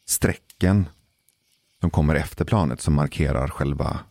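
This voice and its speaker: A man telling a personal story in a casual, measured way, pausing for suspense. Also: extremely low pitch, darkish tone, no room sound, clean studio sound. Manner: measured, deliberate pauses for suspense. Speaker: podcast storyteller.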